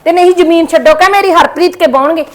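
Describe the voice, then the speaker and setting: A woman playing a bossy, scheming village woman in a short drama, giving quick instructions with a Punjabi accent. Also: very high-pitched.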